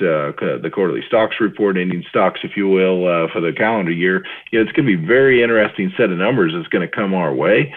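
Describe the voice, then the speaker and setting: A man's voice: low voice, slightly rough. A man talking over the phone as a market analyst guest, giving casual commentary with many fillers and restarts. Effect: heard over the phone. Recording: tinny phone line.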